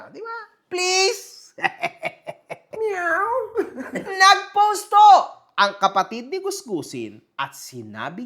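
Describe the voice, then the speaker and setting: A man hosting a gossip commentary vlog, mocking and animated, swearing and calling out to his viewers. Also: high-pitched. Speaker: online commentary host.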